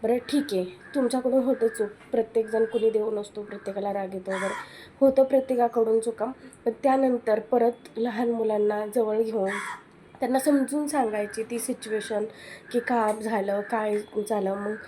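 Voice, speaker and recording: A woman's voice: on the high side, steady tone, normal speed, warm tone, a little hiss or hum. A young woman with a Marathi accent, talking candidly about her children and advising other mothers in a casual home vlog. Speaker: vlogger and mother.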